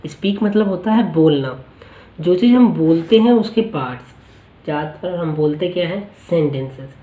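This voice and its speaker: A male teacher explaining a spoken-English lesson in Hindi, asking the class rhetorical questions and repeating each word slowly for pronunciation practice. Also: fairly high pitch, expressive, echoey room, narrow, tinny audio.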